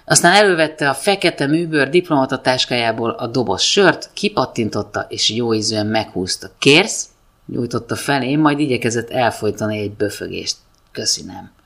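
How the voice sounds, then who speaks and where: A woman's voice: extremely low pitch, hardly any pauses, a bit bright. A woman reading her own humorous first-person story aloud, with a dry, wry comic delivery.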